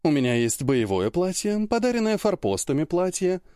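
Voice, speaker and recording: A man reading an audiobook, voicing a calm, modest priestess woman who speaks slowly and precisely. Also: high voice, clear, resonant tone, no room sound, studio quality, pitched above the performer's own voice. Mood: matter-of-fact.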